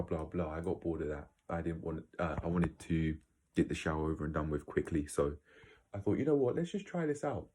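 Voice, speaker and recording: Very deep, dark-voiced man rambling bluntly. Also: slightly rough. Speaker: video creator. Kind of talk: casual opinionated monologue to viewers.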